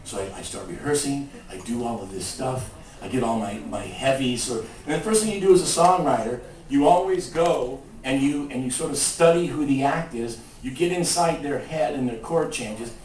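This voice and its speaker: A man telling comic stories on stage in an animated way, acting out the voices. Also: mid-range voice, moderate pace. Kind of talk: comic live storytelling. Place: stage at a live show. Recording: roomy live stage from far off.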